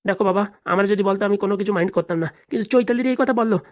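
A woman's voice: medium pitch, very fast, close to an everyday voice. A woman voicing quarrelling village family members in a cartoon, indignant and argumentative. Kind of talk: cartoon voice acting.

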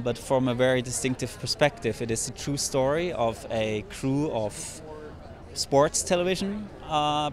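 Earnest, measured man with medium pitch. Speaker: film maker interviewed at premiere. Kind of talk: red carpet interview.

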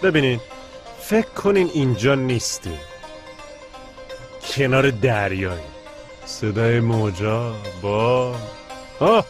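A man's voice: on the high side, big pitch swings, faint music behind. A man dubbing a playful young man in a TV comedy drama, talking in a coaxing, mock-soothing way.

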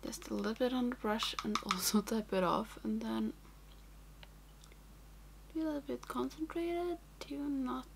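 Slight background noise accompanies this young makeup vlogger, whose first language isn't English. Her voice sits on the high side, a little slow and gravelly with long pauses. At home in a small room with makeup shelves, she chats casually through a tutorial, thinking aloud, rambling, and often whispering as she works.

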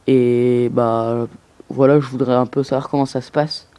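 A man making a casual inquiry over the phone, halting and earnest in his delivery. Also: medium pitch, level tone, warm tone, smooth, dry recording. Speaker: prank caller. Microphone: telephone call. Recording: noisy telephone prank recording.

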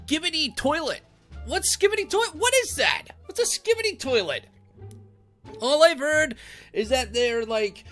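A man voicing a brash young male cartoon hedgehog in a character reaction video, excitable and jumpy, cheering and yelping at the screen. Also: very high-pitched, exaggerated voice.

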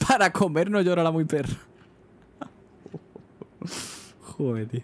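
A man's voice: fairly high pitch, animated, slow pace. A young man gives casual, swearing livestream commentary while playing, often asking his viewers what to do. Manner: casual, chatty, asks chat often, swears. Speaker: streamer.

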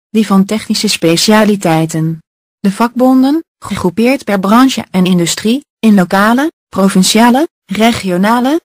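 A woman reading a political essay aloud in a steady, measured, list-like delivery. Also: mid-range voice, no room sound, clean studio sound.

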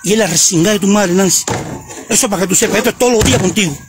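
A man's voice: high voice, very fast, heavy background noise. A man, ranting and hurling repeated insults during a phone livestream. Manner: insulting, repetitive, mocking. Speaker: social media livestreamer.

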